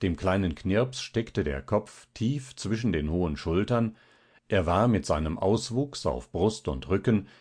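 Low-voiced male audiobook narrator. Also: a little mellow, slightly rough.

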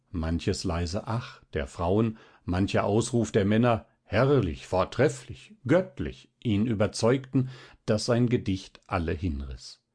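A male audiobook narrator with a husky, low voice performs literary narration. His storytelling is measured yet expressive.

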